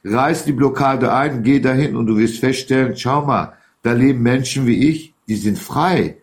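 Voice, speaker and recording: Gravelly emphatic man. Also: medium pitch, normal speed. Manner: emphatic, rambling. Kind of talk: heated political talk.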